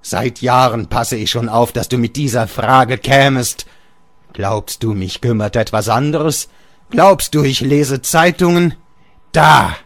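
A man's voice: medium pitch, steady tone, unhurried, a bit bright, no echo, pitched above the performer's own voice, close to an everyday voice. A man reading an audiobook, voicing an old bedridden father who rants scornfully at his son and keeps raising his voice. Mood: ranting. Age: older. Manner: ranting, raising his voice in bursts.

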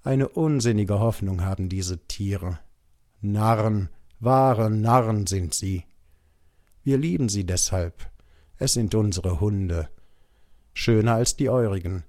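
A man's voice: lowish voice, slow, darkish tone. A man playing a cheerful, scornful caravan leader who speaks with a raised voice. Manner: hearty, scornful.

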